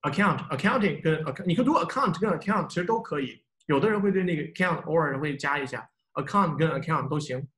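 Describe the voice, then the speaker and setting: A man's voice: fairly high pitch, quick pace, few pauses. A man teaching a speaking-test class, patiently correcting a student's pronunciation by modeling words again and again and switching between Mandarin and English. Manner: patient, repeats phrases, relaxed reassuring tone. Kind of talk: live speaking-class coaching.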